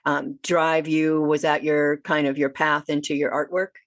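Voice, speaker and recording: A woman hosting an interview, friendly and encouraging with many quick reactions. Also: sits low, level tone, no echo, clean studio sound. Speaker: podcast host. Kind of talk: casual interview chat.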